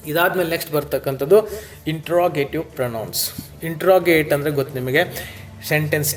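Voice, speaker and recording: A man with a Kannada accent teaches English grammar in a video lesson, and his speaking voice sits fairly high. He reads each English example sentence slowly and deliberately. Faint music plays under his voice.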